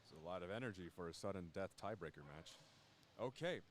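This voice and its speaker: A man doing relaxed live commentary on fencing matches, chatty and full of jokes. His voice sits a little low but swings lively up and down. A faint hum of ambience stays behind him. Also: a little fast. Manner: joking, chatty, plays with the soundboard.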